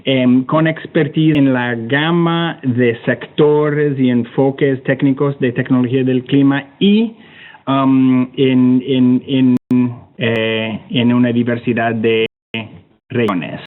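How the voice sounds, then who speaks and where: A webinar panelist from a climate technology group talks informally over slides in a Canadian accent. His medium-pitched, fairly even delivery is halting and unsure, and he repeats words while searching for them. The narrow online connection gives a tinny, phone-like quality.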